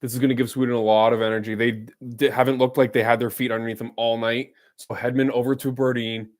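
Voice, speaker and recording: A man with a mid-range, fairly flat voice talks quickly while streaming a live hockey watch-along. He calls the action and teases his viewers in a casual, chatty way, hopping back and forth between play-by-play and banter.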